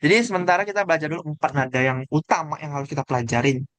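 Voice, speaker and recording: A man leading a classroom lesson on Mandarin tones, explaining step by step and stopping to ask his students questions. His voice sits at an ordinary pitch and sounds close and dry, with little room echo. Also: racing, a bit bright. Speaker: Mandarin teacher. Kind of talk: classroom teaching.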